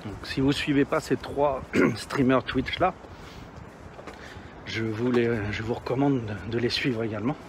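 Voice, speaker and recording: A man's voice: mid-range voice, unhurried. A man livestreaming as he walks, out of breath, chatting in an informal, slangy, rambling way. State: out of breath, panting from walking. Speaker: live streamer. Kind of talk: casual chat to livestream viewers while walking. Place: outdoors, walking in an urban area. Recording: noisy outdoor street sound with traffic.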